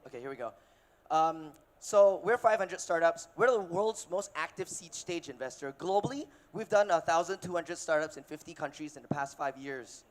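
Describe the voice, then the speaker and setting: A man in his thirties from Malaysia, giving a casual, energetic keynote on a conference stage with filler words and restarts. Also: on the high side, normal speed. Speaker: keynote speaker, investor. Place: conference stage before an audience.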